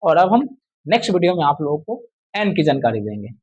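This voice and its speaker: A man's voice: a little high, big pitch swings, fast, a little mellow, slightly rough, dull audio. A man teaching English spelling in a classroom style, asking a question and repeating the answer over and over. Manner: repeats questions and answers in call-and-response drills. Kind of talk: classroom lesson.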